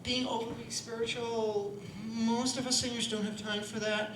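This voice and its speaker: A woman's voice: fairly high pitch, moderate pace. A woman who is a singer and voice teacher, talking on a panel and demonstrating breathing in a chatty, demonstrative way, often asking "right?". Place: performance hall. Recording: echoey hall with steady noise.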